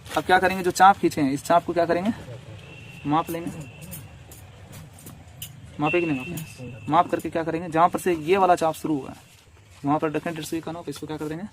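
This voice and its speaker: A man's voice: on the high side, fairly even intonation, fast, slight background noise. A man teaching a maths lesson step by step, repeating each step and asking rhetorical questions as he draws.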